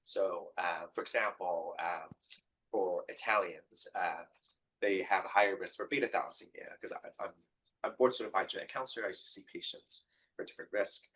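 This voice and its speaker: A man from Hong Kong answers questions on a live panel, halting and full of ums and restarts. His voice sits a little low and sounds husky. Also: fairly bright tone, poor audio. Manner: hesitant, many fillers and restarts. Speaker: panelist, genetic counselor.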